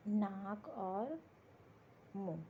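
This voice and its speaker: A woman's voice: mid-range voice, animated, extremely slow, narrow, tinny audio, a little hiss or hum. A woman teaching a grammar lesson for exam prep, explaining step by step and answering her own questions. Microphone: board lesson video, writing while talking.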